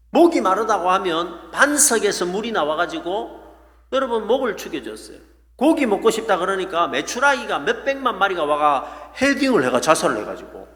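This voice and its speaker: A man's voice: sits high, a bit bright. A male pastor preaching a revival sermon, telling the story with playful asides, in a church. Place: church sanctuary. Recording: echoey church hall.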